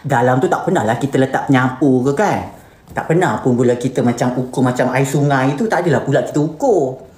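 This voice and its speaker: A woman influencer with a Malaysian Malay accent answers viewer comments bluntly on her live stream after reading them aloud, with English words slipping into her speech. Her bass voice runs a little fast and a little mellow, and the room is roomy and echoey.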